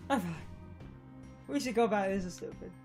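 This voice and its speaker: A woman's voice: medium pitch, darkish tone. A woman hosting a let's play, reading game dialogue aloud in a playful way and chatting about the game. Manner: unhurried, playful, reads lines with light voices. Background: faint game music.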